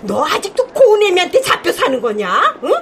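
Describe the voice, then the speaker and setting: An actress playing a proud, quick-tempered older grandmother who scolds and sighs theatrically. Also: very high voice, huge pitch swings, a bit bright, slight background noise, heavily acted. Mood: scolding. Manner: scolding, sighing, melodramatic. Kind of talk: TV or radio drama acting.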